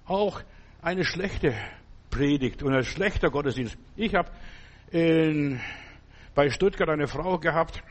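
A pastor preaching a sermon, speaking fervently and directly to the listener, telling stories in a loose, restarting way. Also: male voice, on the high side, slow pace, pauses often. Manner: loose, storytelling delivery with restarts.

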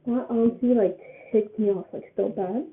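An eighteen-year-old woman shares her opinion in a casual vlog, rambling and repeating phrases often. Her voice is a little high and her speed normal, and the recording sounds tinny, like a phone.

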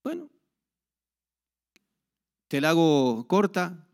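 A middle-aged preacher, speaking in a slightly higher register than most men. He weaves a personal anecdote into his sermon, acting out the conversations and often restarting his sentences. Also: wildly swooping pitch, very slow. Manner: storytelling, acts out dialogue, frequent restarts.

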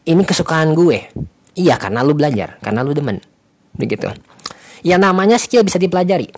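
A man's voice: on the high side, fast. A young man with a Jakarta accent giving casual parenting advice, slipping English phrases into slangy speech and repeating points for emphasis. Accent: Jakarta Indonesian. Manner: lively, lecturing, repeats himself for emphasis. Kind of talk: casual monologue to viewers.

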